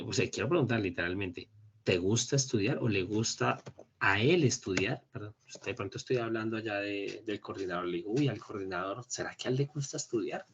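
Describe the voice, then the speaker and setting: A man teaching an English class over a video call, explaining in Spanish and slowly modeling English phrases. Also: mid-range voice, fairly bright tone, slightly rough. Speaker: English instructor. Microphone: computer mic on a video call. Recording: dull lo-fi meeting recording.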